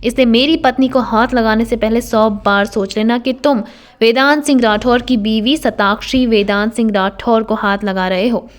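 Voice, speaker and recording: A woman reading a cold and threatening young groom from a spoken storybook, talking down to his rivals with taunting menace in a fairly high voice. Each line lands firm and deliberate. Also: darkish tone, close to an everyday voice. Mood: defiant.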